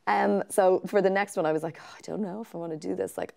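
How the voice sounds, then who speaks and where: Low-voiced chatty Irish woman, gravelly. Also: fast talker. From Ireland. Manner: chatty, animated storytelling with acted quotes. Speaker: guest presenter. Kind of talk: casual interview chat. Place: small studio set with sofas.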